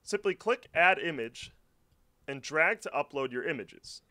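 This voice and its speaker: Speaking at a measured pace, a man with a fairly high, sharp voice and lively intonation guides viewers through setting up a website. It is a scripted screen-recording tutorial with clear, step-by-step instruction.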